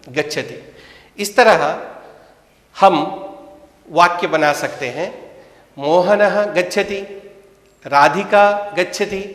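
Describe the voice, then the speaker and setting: A man teaching a Sanskrit lesson. He enunciates each word carefully and pauses between phrases. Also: a little high, a bit bright. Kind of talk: slow, deliberate language lesson with repeat-after-me drills. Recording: echoey room with long reverb.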